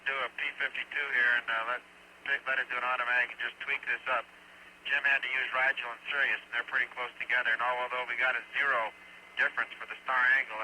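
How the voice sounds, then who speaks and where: A man talking as an astronaut over a spacecraft radio link, giving brisk, clipped procedural replies. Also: mid-range voice, sharp tone, a little hiss or hum, poor audio. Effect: heard over a spacecraft radio link. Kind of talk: mission radio exchange.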